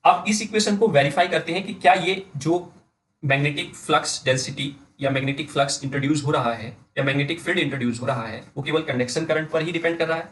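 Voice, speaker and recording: A man with an Indian accent giving an engineering lecture, dictating slowly word by word and often checking in with his students. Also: a little high, fairly bright tone, poor audio. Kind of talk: blackboard-style lecture in mixed Hindi and English.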